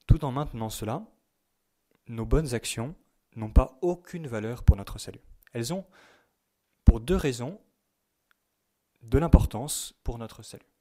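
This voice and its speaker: A man giving a religious teaching to young people, speaking in a measured way and stressing key words, sometimes reading quotations aloud. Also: mid-range voice, lively intonation, dark tone. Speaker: teacher at a youth retreat.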